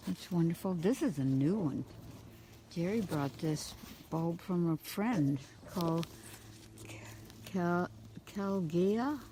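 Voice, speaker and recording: A woman's voice: lowish voice, dark tone, slight background noise, rough recording. A middle-aged woman walking outdoors through her home garden, pointing out flowers with gushing enthusiasm on a camera mic. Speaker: gardener giving a garden tour. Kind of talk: casual walking garden tour.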